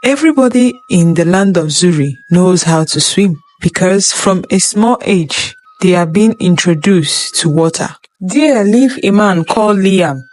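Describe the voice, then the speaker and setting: A woman narrating a folktale in an unhurried, plain storytelling manner. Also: on the low side, animated, a little mellow, poor audio.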